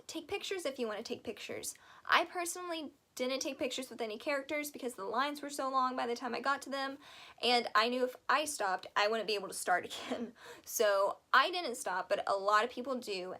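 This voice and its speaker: A woman's voice: fairly high pitch, fairly quick, sharp tone. A young woman hosting a casual advice vlog, chatty and enthusiastic, rambling into asides, her voice a bit worn as she says she is losing it. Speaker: vlog host.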